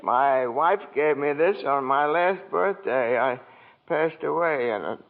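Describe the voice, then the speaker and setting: An actor playing a gentle, bumbling elderly apprentice angel in a 1940s radio play, mild and quaintly earnest. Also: male voice, a little high, takes it slowly. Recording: tinny 1940s radio broadcast.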